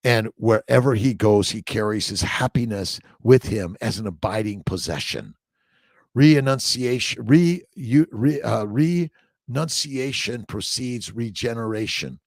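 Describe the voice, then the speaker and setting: An American fertility doctor hosts an informal morning livestream of motivational chat, urging listeners on with short repeated phrases, loose asides, and passages read aloud. His medium-pitched voice has vocal fry, and the recording is dry.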